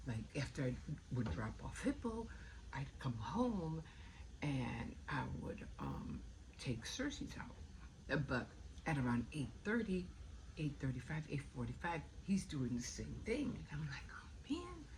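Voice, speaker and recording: A middle-aged woman vlogger without her dentures, so with toothless speech, rambling casually and sometimes talking low at home. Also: big pitch swings, unhurried. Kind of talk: casual morning chit-chat. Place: indoors at home, bedroom. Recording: noisy home recording.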